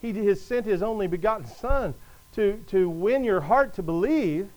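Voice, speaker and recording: A man preaching a sermon to his congregation, emphatic, with conversational asides, slowing down to stress the verses he quotes. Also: sits high, animated, darkish tone, poor audio. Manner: emphatic, rises and drops in volume, slows to stress scripture.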